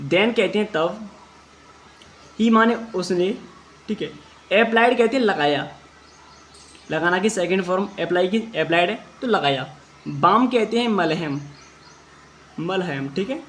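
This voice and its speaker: A man teaching an English class, reading English sentences slowly word by word and then explaining each word step by step. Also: high-pitched, a bit bright, a little hiss or hum. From India. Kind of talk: classroom translation lesson.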